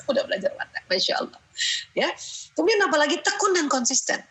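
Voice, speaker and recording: A middle-aged woman leads a parenting seminar in a bright, slightly high voice. Her delivery is animated and full of laughter, with a habit of tucking "ya" between her points. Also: brisk, rough recording. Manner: lively, often laughing, quotes her children; peppers sentences with "ya". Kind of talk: seminar talk to an audience.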